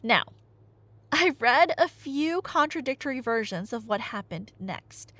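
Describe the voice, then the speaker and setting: In this ASMR roleplay, a high-voiced woman plays a nerdy girlfriend excitedly retelling Greek myths to a listener. Her casual storytelling is animated, playful and teasing, with dramatic emphasis. She keeps a measured pace, and the recording has no echo.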